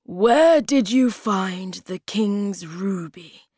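A woman voicing a sad, tired male hobgoblin who is centuries old, speaking slowly and solemnly. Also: mid-range voice, expressive, dark tone, no room sound, clean studio sound. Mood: weary. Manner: slow, weary and solemn.

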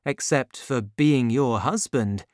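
A woman's voice: extremely low pitch, slow pace, darkish tone, no room sound. A woman reading the lines of a brave young male guardsman in an urgent, earnest way, close to her own voice.

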